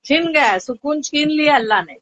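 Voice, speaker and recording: A woman's voice: high voice, animated, moderate pace, fairly bright tone, no echo, highs cut off. A woman guest in a casual chat, agreeing emphatically and repeating her affirmations. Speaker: guest, fraud victim.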